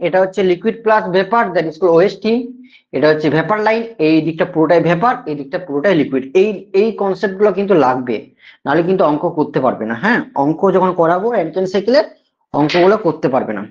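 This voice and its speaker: A man's voice: high voice, animated, fast talker. A male teacher with a Bengali accent giving a classroom lecture, repeating key points and often checking that students follow. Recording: dull lo-fi sound.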